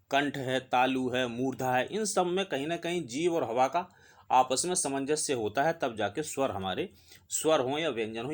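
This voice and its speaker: A man teaching an exam-prep class, explaining step by step, asking questions and then answering them himself. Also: mid-range voice. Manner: explanatory, asks and answers his own questions.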